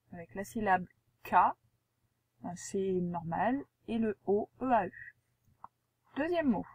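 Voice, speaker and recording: A woman's voice: a little high, breathy edge, no echo. A woman teacher giving a spelling lesson and dictation to a young pupil, articulating carefully, spelling out letters and asking the pupil patient questions.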